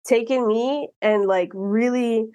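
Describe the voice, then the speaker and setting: An earnest woman in her thirties from Miami, talking as an interview guest. She speaks in an animated way and keeps restarting her phrases. The recording is dry and close. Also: fairly high pitch, takes it slowly, smooth, dry recording. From Miami, United States. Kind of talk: casual interview conversation.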